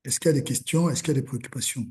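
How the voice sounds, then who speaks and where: A man's voice: mid-range voice, very fast, darkish tone. A man leading an online learner group, urging them on, with many fillers and repeated words. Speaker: meeting facilitator. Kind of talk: encouraging talk to a learner group.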